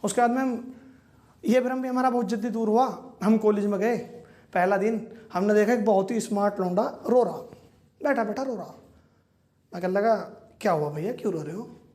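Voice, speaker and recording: A man's voice: sits high, moderate pace, pauses often, darkish tone. A young man telling stand-up stories, acting out dialogue with crude, slangy punchlines. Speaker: stand-up comedian. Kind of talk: stand-up storytelling.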